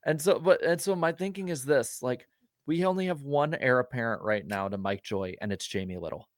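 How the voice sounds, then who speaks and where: A man's voice: mid-range voice, brisk, no room sound, clean studio sound. A man co-hosting a podcast, talking casually and ramblingly about motorsport. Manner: rambling, many fillers and restarts. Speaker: podcast co-host.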